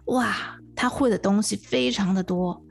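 A woman's voice: medium pitch, measured pace, creaky, soft background music. A woman hosting a radio interview, addressing listeners and her guest with frequent exclamations.

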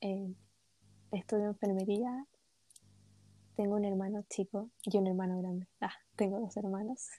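A woman's voice: mid-range voice, steady tone, normal speed, pauses often, mellow, dry recording. A young woman with a Chilean accent, co-hosting a casual podcast, hesitant and self-deprecating, with many fillers. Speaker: podcast co-host.

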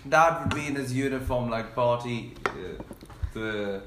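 A man's voice: medium pitch, a little slow. A man in a casual group chat telling a childhood story with animation. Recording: roomy with faint noise.

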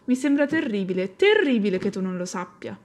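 A woman's voice: medium pitch, sing-song, fairly quick, a little mellow. A bookish know-it-all tomcat from a storybook, murmuring facts as if reading from a page, as a woman reader puts him on. He sounds studious and matter-of-fact.

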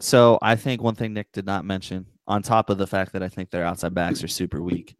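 A man's voice: sits low, level tone, brisk, no echo. A man co-hosting a podcast, chatting casually about sports and filling his talk with "like" and "kinda". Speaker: podcast co-host.

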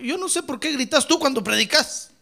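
Fiery high-voiced pastor shouting praise. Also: male voice, animated, brisk, creaky. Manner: swings from quiet asides to shouted exclamations. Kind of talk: fiery Pentecostal sermon. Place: church.

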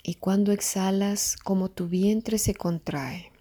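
Slow, mellow-voiced woman guiding meditation. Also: mid-range voice. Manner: slow, soft, calm instructions with counted breaths. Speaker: meditation guide. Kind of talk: guided breathing meditation.

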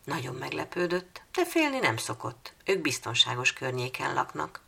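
A woman reading a children's storybook aloud in a calm, measured way, sometimes dropping almost to a whisper. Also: rumbling low, creaky, husky. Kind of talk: storybook narration.

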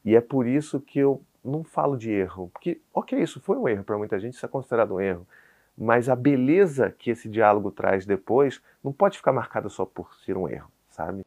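A man's voice: mid-range voice, fairly quick. Brazilian man telling a story animatedly. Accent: Brazilian Portuguese. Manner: animated storyteller, acts out dialogue. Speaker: podcast guest, father of four. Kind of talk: casual chat.

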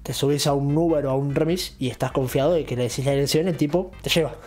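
A man's voice: medium pitch, fast talker, soft background music. A young man with an Argentine accent, casually telling a long, rambling story and acting out what people said. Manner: rambling, animated retelling with acted quotes. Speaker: channel host.

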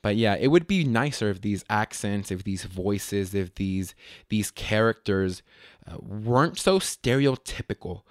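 A man's voice: lowish voice, expressive, unhurried, dry recording, studio quality. A man who works as a comedian, talking casually to the camera in a rambling way, often stopping to correct himself. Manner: rambling, self-correcting, hesitant.

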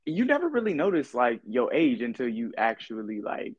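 A man in his twenties from California, chatting casually as a podcast guest, halting and easygoing, with lots of ums. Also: mid-range voice, huge pitch swings, muffled recording, a little hiss or hum. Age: 20s. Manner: laid-back, halting, full of ums and laughs. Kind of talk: casual interview chat.

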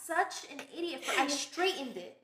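A woman from Brooklyn, a podcast guest telling stories in casual, animated chat. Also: sits high, normal speed, background noise. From Brooklyn, New York. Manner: animated storytelling, laughs often. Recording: roomy echo.

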